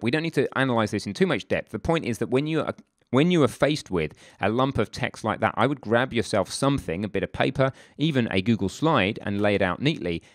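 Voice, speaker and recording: A man's voice: on the low side, no echo. Chatty male tutorial instructor, dry sound. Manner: informal, chatty, self-correcting asides. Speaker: game development instructor. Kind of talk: screen-recorded software tutorial.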